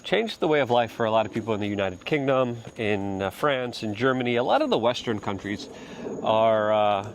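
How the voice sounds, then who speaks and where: A man's voice: fairly low pitch, expressive, fairly quick, slight background noise. A man from Poland hosting a casual walk-and-talk commentary outdoors, rambling with fillers and restarts. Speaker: host.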